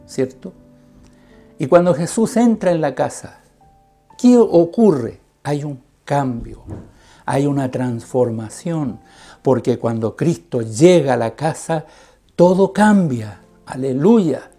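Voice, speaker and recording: Husky, warm preacher. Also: medium pitch, animated, slow pace. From Chile. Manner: earnest, tags many phrases with a questioning "right?"; stretches key words with sudden loud emphasis. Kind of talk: sermon. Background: faint guitar music.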